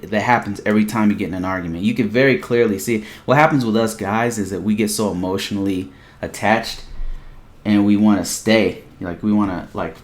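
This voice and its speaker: A man with a somewhat low voice hosts a casual live stream. He talks in a loose, rambling way, full of fillers and repeated phrases. He speaks straight to his viewers as he tells a story and hands out blunt advice.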